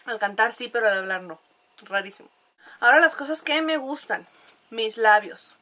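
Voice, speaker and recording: A woman's voice: on the high side, expressive, moderate pace, sharp tone. A young Mexican woman with a nasal voice, chatting casually to camera at home, laughing often and using lots of fillers. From La Paz, Mexico. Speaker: vlogger.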